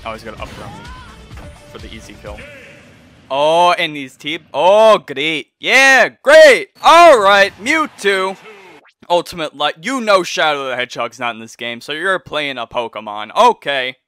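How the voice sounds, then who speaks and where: A man giving casual, excitable commentary over his own gameplay, swearing and laughing as he plays. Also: mid-range voice, normal speed, no room sound, soft background music. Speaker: gaming YouTuber.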